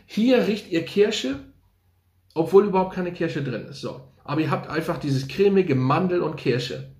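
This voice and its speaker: A man's voice: on the high side, animated, moderate pace, darkish tone, reverberant. A man casually reviewing fragrances, enthusiastic and thinking aloud, repeating his slang praise as he goes. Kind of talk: casual unscripted product review.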